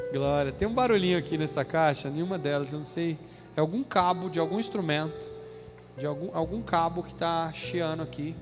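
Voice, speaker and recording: High-voiced Brazilian pastor preaching in a church hall. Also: male voice, brisk, over music. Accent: Brazilian Portuguese. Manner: conversational preaching, rising to loud shouted readings of scripture. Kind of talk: sermon. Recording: live church sound with long hall reverb and instruments behind.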